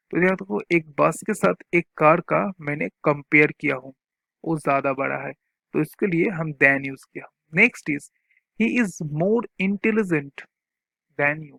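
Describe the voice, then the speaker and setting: Slow, gravelly grammar teacher. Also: male voice, a little high, fairly bright tone, no room sound. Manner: slow, repeats points, reads examples out word by word. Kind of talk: explaining grammar from a chart, mixing Hindi and English.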